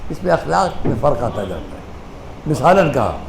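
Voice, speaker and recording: A man preaching a sermon at a mourning gathering with an Indian Urdu accent, drawing out quoted scripture slowly and dropping to a soft voice for acted exchanges. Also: on the high side, big pitch swings, creaky, noisy background. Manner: impassioned, stretches Quranic phrases slowly, drops to a soft voice to act out exchanges. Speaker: maulana preaching at a majlis. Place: mourning hall. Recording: echoey hall, faint ambience.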